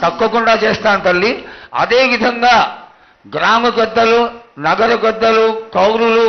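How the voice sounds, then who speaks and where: A man speaking as a priest, making a formal devotional plea in reverent, measured phrases. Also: high voice. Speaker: priest petitioning the oracle. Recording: dull lo-fi event sound.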